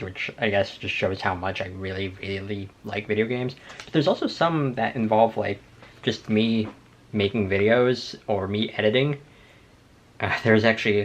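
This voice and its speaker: Low-pitched young man, chatting casually. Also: a little hiss or hum. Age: young adult. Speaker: video creator. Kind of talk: casual rambling chat, reading out journal entries.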